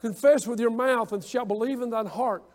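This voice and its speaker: A man's voice: very high-pitched, moderate pace, darkish tone. A man preaching a sermon as pastor in a church, building to emphatic swells with repeated phrases. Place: church sanctuary.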